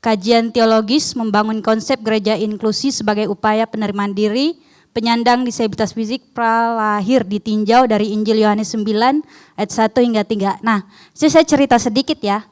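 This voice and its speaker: Clear-voiced foreign woman speaking accented Indonesian. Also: fairly high pitch, fairly even intonation, normal speed. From outside Indonesia. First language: not Indonesian. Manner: foreigner speaking Indonesian, conversational, often asking listeners questions. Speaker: research presenter at a seminar. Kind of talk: informal academic presentation.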